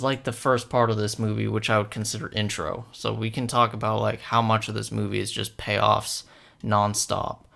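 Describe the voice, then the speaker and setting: A young man talks through a film in a relaxed, rambling way and fills every gap with hesitations. His low voice has a heavy gravelly fry. He sounds like someone making a casual commentary video. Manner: rambling, many fillers and hesitations. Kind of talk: casual film analysis monologue.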